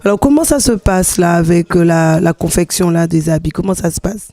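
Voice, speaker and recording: Street interviewer, short prompts, dark mellow tone. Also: medium pitch, animated, a little fast, no room sound. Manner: brief, prompting questions.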